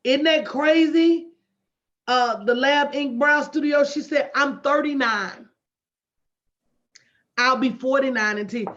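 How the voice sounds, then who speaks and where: She's a high-voiced woman in her late 40s, a motivational business coach giving a coaching talk to a live online audience over a livestream. Her fairly bright delivery is slow, with frequent pauses, and emphatic, preacher-like repetition, direct address, and folksy slang. The recording is dull lo-fi livestream audio.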